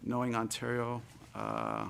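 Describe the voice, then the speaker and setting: Gravelly low-key male official. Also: a little slow, a little hiss or hum. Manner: low-key, even monotone delivery. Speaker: government deputy minister. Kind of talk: formal committee testimony. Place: legislative committee room.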